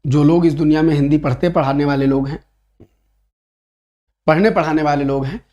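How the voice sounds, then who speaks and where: A man teaching a Hindi grammar class for an exam, lively and playful, reading out comments and answering them. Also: on the high side, moderate pace, lo-fi sound. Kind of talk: online exam-prep class.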